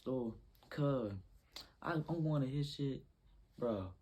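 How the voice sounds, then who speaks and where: A man's voice: medium pitch, takes it slowly, mellow. A young man telling a rambling, slangy story in a casual storytime vlog.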